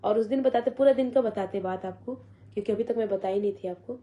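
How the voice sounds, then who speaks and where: A young woman, retelling a painful family memory in a soft, halting way and quoting the voices of others. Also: medium pitch, dull audio. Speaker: vlogger. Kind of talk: emotional personal storytelling.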